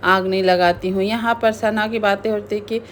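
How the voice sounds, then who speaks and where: A woman's voice: mid-range voice, fairly even intonation, moderate pace, slight background noise. Woman chattily recapping a reality show. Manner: chatty retelling with frequent restarts. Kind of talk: casual spoken recap.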